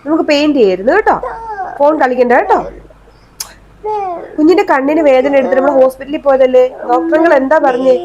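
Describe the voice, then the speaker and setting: A patient young mother coos and pleads with her child in a sing-song voice, as a woman puts her on. Her voice rises high and bright. She sounds like a comedy-sketch parent. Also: lo-fi sound, lightly acted.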